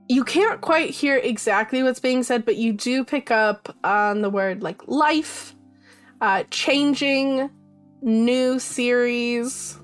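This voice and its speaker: A woman running a tabletop game as game master, narrating with frequent hesitations and fillers. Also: fairly high pitch. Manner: hesitant, many ums.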